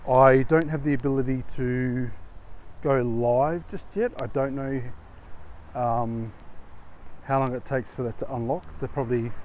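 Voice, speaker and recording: An Australian man vlogging casually in a halting, unhurried way while walking outdoors in strong wind, with wind on his lavalier mic. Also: medium pitch, fairly even intonation, a little mellow. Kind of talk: casual rambling vlog talk. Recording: wind on mic, gusty noise. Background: blustery wind.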